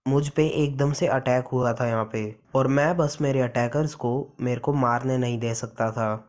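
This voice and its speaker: A boastful young hero who won't back down, cocky and defiant, as a male storyteller reads him. The voice stays near an ordinary middle pitch, close to the reader's own. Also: steady tone, moderate pace, a little mellow, close to an everyday voice.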